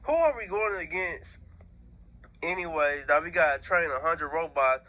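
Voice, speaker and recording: A man's voice: a little high, lively intonation, normal speed, bright, forceful tone, poor audio. An American man hosting an online video, rambling casually through his opinions in heavy slang and often checking that listeners follow him. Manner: slangy, repeatedly seeking agreement with listeners.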